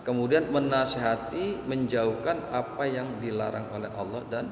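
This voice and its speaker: A man preaching a sermon, repeating phrases slowly and chanting Arabic passages. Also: medium pitch, a little hiss or hum. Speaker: Islamic preacher. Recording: echoey hall, faint ambience.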